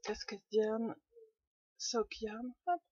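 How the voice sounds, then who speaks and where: A woman's voice: a little high, lively intonation, very slow, a little mellow, slightly rough, no echo, highs cut off. A woman hosting a knitting podcast, chatting casually to her webcam at home, rambling with lots of fillers and restarts. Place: home room.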